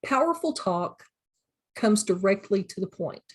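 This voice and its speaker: With a husky, sing-song voice of medium pitch, a middle-aged woman lectures a little slowly on a recording. She teaches college and explains things plainly and practically, using examples from her own classroom.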